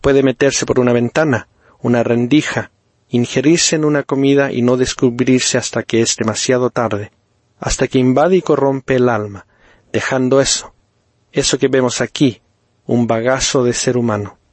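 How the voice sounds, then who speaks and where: A man's voice: mid-range voice, steady tone, no room sound, close to an everyday voice. A man doing a pompous doctor. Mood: grave lecturing. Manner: grave, lecturing, theatrical pauses. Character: solemn middle-aged male doctor, pompous.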